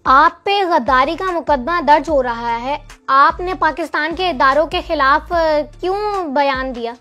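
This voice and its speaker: A woman interviewer with a high, bright voice puts direct, pointed questions to her guest. Faint music sits under her.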